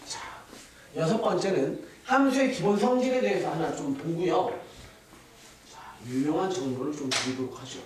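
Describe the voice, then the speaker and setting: A man's voice: a little high, animated, moderate pace. A man teaching a math class, quizzing his students and answering his own questions. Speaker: math tutor. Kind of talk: classroom lecture. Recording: echoey classroom, distant mic, hiss.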